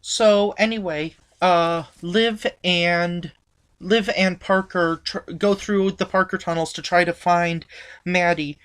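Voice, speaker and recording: A woman hosting a casual episode review chat, recapping the plot in halting sentences with many restarts. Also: on the low side, fairly even intonation, clear, resonant tone. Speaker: podcast host.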